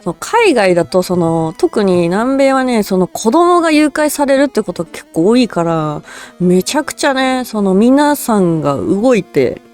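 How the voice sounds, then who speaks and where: A woman narrates a true story in a relaxed, rambling style, full of fillers and small chuckles. Her voice is lively, rising and falling freely as she goes. Soft music plays faintly behind her. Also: medium pitch, a little slow. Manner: rambling, casual, chuckles often, many fillers. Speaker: virtual cat-spirit storyteller.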